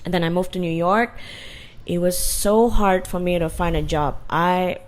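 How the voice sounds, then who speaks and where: A woman's voice: fairly low pitch, fairly even intonation, moderate pace. A woman, a guest telling her story earnestly with fillers and restarts. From Indonesia. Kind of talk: casual interview.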